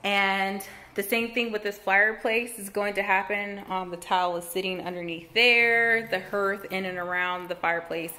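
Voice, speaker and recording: A woman's voice: medium pitch, steady tone, normal speed, few pauses, pushed and bright. A woman casually narrating a renovation walkthrough of her historic house, chatty and loose, with many fillers. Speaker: home renovation vlogger.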